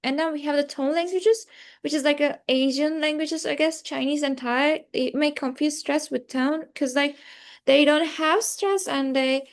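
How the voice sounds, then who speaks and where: A woman's voice: high-pitched, normal speed. A young woman giving a class presentation on pronunciation, hesitant and full of fillers like "like" and "uh". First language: Turkish. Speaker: student presenter.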